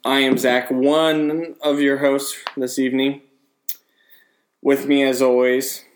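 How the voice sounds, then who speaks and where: A man hosting a comedy podcast, talking in a deadpan, rambling, playful way. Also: mid-range voice, takes it slowly, a little hiss or hum. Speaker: podcast host.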